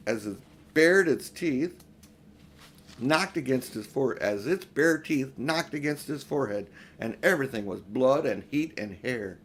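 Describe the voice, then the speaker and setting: An older man with a middle-pitched voice reads a children's storybook aloud, his narration plain and homely like an amateur audiobook. A little hiss or hum sits under the recording.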